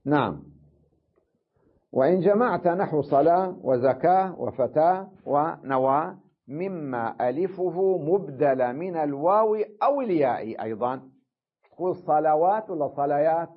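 Husky male Arabic teacher, dull recording. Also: a little high, lively intonation, measured pace. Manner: explains step by step, asks the class "tamam?" often. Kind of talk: classroom grammar lesson.

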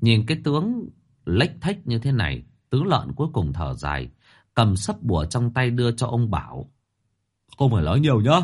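A man's voice: mid-range voice, big pitch swings, normal speed, slightly rough. A man narrating a ghost story in a colloquial, wry storytelling manner.

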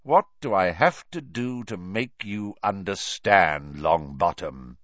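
A man's voice: medium pitch, very animated, unhurried, a bit bright, dry recording, dull audio, voice pushed up. A man voicing a cold, scathing male teacher scolding his pupils in a storybook reading. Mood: cold scorn.

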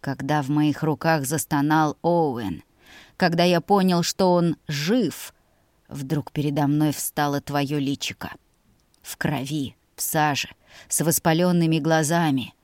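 A guilt-ridden older man , played by a woman reader, pleads with a shaking voice. His voice sits noticeably lower than the reader's own, tearful and broken. The recording is close and dry. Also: unhurried, darkish tone, no room sound. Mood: remorseful. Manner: trembling voice.

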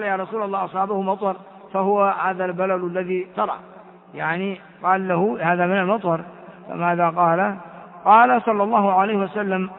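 Quick, high-voiced man teaching on a tinny recording. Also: creaky. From Ethiopia. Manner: repeats phrases and quizzes his students. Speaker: hadith teacher. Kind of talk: classroom hadith commentary.

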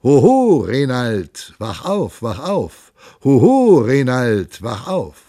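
A man voicing a jovial, hard-drinking monk in an audiobook, loud and hearty with a raised voice. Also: big pitch swings, measured pace, no room sound, studio quality. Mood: boisterous. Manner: loud, hearty, high-pitched boisterous delivery. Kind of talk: audiobook character voice.

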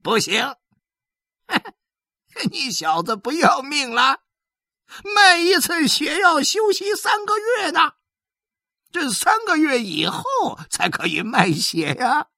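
A loud, blustering boss of a blood station scolds in a high, strained voice, as a woman puts him on for a storybook reading. His voice leaps wildly up and down, and the recording is dry and close. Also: big pitch swings, takes it slowly, long pauses, dry recording, heavily acted. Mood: scolding. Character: blustering bossy man in charge of blood selling.

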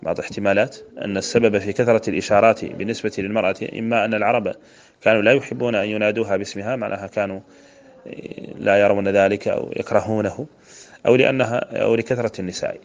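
A man's voice: fairly low pitch, steady tone, rapid-fire. A man from Mauritania, a sheikh teaching grammar, who goes through a poem line by line, repeats word forms and chants the verses he quotes. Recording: dull lo-fi recording.

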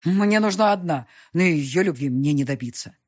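A woman reading the lines of a stubborn young nobleman arguing with his mother, in her own husky voice with a sullen, insistent manner. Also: sits low, expressive, normal speed, darkish tone.

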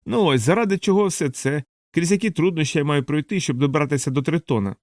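A man's voice: on the high side, quick pace, a little mellow, dry recording, close to an everyday voice. A man voicing a brash, wealthy man who protests with scornful questions in a dry, close audiobook recording. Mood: indignant.

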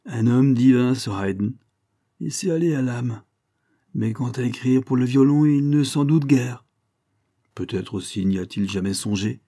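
A man's voice: mid-range voice, moderate pace, dark tone, husky, lightly acted. A man voicing a pompous aging male baron who is a proud violin connoisseur, declaiming grandly and emphatically. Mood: lofty.

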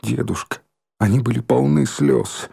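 A man voicing a naive, eager young schoolgirl who asks lively, eager questions. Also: mid-range voice, unhurried, creaky, breathy edge, full character voice.

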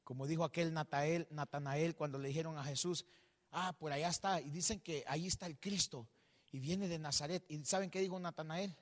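A male pastor telling a parable in a sermon, rising to a shout and having the congregation repeat after him. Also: a little high, brisk, long reverb tail. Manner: storytelling, shouting when stirred, calls on the congregation to repeat.

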